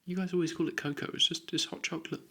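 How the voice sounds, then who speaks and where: A man speaking softly in a silly, rambling way for an ASMR video, reading out his own odd writings. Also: on the high side, level tone, very fast, gravelly. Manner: silly, rambling, self-amused. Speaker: ASMR creator.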